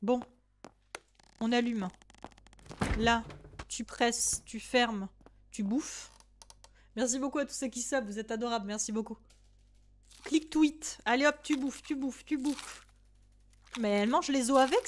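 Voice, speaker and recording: High-voiced excitable woman streamer. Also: a little slow, long pauses, slight background noise. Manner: excitable, talks to viewers and the game, swears. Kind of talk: live horror game commentary.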